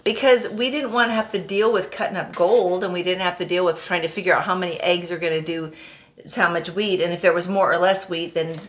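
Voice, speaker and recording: A woman's voice: fairly low pitch, fairly even intonation. A woman in casual conversation, asking curious questions and joking and laughing often. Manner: curious, chatty, quick to joke and laugh. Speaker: co-host.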